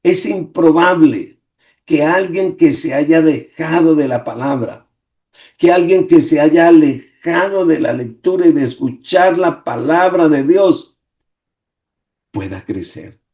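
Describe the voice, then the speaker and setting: Male preacher, mellow dark tone, dramatic devotional delivery with rhetorical questions, over a video call. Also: on the high side, animated, slow pace. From Colombia. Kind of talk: devotional sermon.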